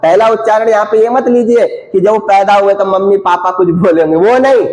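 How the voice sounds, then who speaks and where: A man's voice: high-pitched, fairly quick, a little mellow. Man teaching Sanskrit grammar in an echoey room. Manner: asks the class a question and answers it himself. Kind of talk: classroom grammar lecture.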